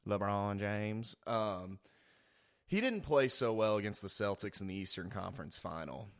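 Young male co-host, lowish voice, loose rambling delivery, laughs a lot. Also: expressive, moderate pace. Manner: laughs often, rambling with filler words. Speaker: podcast co-host. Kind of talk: casual chat.

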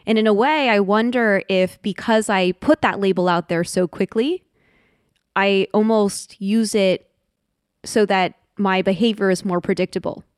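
A woman in her thirties talks through her life in a thoughtful, open way, slowing down when she reaches heavy points. Her voice is smooth and clear, and the recording is close and dry, with no room sound. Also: medium pitch, dry recording. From Washington, D.C., United States. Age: 30s. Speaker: podcast guest. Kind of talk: reflective interview conversation.

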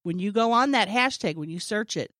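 A woman's voice: medium pitch, lively intonation, brisk, fairly bright tone, no room sound, clean studio sound. A woman co-hosting a podcast, talking candidly and animatedly in casual chat. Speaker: podcast co-host.

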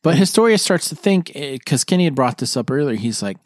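Lively man recapping an anime. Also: a little high, a little fast, dry recording, studio quality. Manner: animated, recaps scenes by acting out lines. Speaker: podcast co-host. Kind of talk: casual chat reviewing an anime episode.

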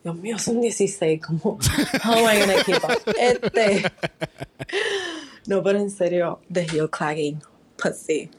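A woman leaving a giggly, excitable voicemail, mixing in English. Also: medium pitch, a little slow, long pauses, a little hiss or hum. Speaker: voicemail caller. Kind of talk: casual voice message.

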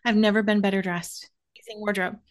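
A woman's voice: medium pitch, little pitch movement, quick pace. Forties woman stylist chatting about clothes, upbeat, keeps repeating the point. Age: 40s. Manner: upbeat, emphatic, repeats key phrases. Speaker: wardrobe stylist guest. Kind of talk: casual advice chat.

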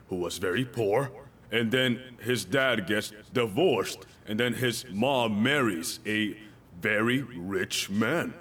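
A man's voice: medium pitch, a bit bright, breathy edge. A male pastor preaching a sermon, emphatic and repeating his key lines, with joking asides to the congregation.

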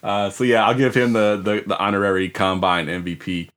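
A man's voice: on the low side, smooth. A man hosting a casual sports podcast, running the segments and prompting his co-hosts. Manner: relaxed, leads segments with quick prompts. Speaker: podcast host.

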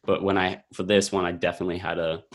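A man's voice: low voice, level tone, fast. A young man chatting casually about films, rambling with lots of filler words. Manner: rambling, laid-back, heavy use of filler words.

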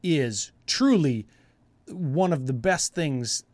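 A man's voice: a little high, expressive, takes it slowly, a little mellow, no echo. A man hosting a podcast, telling stories casually and colloquially, swearing and acting out conversations. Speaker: podcast host. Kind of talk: casual chat, animated storytelling.

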